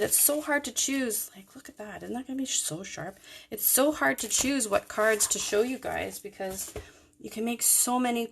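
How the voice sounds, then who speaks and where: Woman with the hiccups, casual card-making demo, low and unhurried. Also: vocal fry, a bit bright, a little hiss or hum. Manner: chatty, rambling, self-correcting. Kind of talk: casual craft tutorial.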